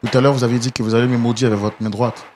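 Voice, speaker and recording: Fast-talking man pressing with questions. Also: mid-range voice, flat delivery, a little mellow, slight background noise. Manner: probing, insistent questions. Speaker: talk show host. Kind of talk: questioning guests on a talk show. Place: television studio.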